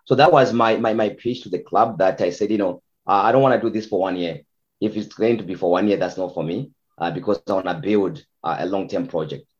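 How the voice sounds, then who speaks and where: A man from Zimbabwe coaching youth soccer, talking through interview answers with a very low voice. He stumbles and repeats words, with lots of fillers. The sound is dull and lo-fi. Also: brisk.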